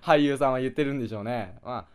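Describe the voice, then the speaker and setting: A man co-hosting a casual podcast chat, rambling and animated, often laughing as he explains. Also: medium pitch, very fast, clear, resonant tone. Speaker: podcast co-host.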